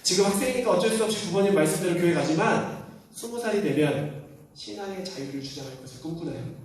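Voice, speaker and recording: A man, a youth pastor, giving a lively sermon to teenagers and acting out the quoted voices as he tells the story. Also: sits high, fast talker, a little hiss or hum. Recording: roomy echo, distant mic.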